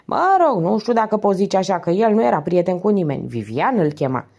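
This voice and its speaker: A woman reading aloud and voicing a loud, cheeky male vagrant who talks with easy familiarity. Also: medium pitch, animated, gravelly, breathy edge.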